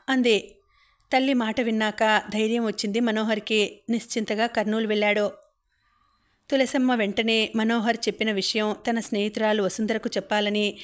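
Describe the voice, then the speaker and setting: A woman narrating a novel as an audiobook, voicing every character in her own voice. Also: mid-range voice. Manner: even, flat delivery, voicing all characters in her own voice. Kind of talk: reading a novel aloud.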